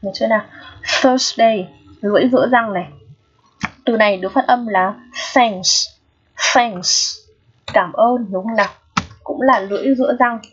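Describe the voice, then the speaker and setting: A patient woman teacher walks students through an exam review, repeating words slowly and checking in often. Her voice is a little husky, and the recording sounds dull and lo-fi. She speaks at a middling pitch. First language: Vietnamese. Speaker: English teacher.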